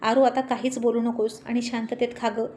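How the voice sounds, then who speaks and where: A woman's voice: a little high, level tone, moderate pace, a little mellow, a little hiss or hum, lightly acted. A woman voicing a fond, scolding mother. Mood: chiding. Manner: chiding, affectionate.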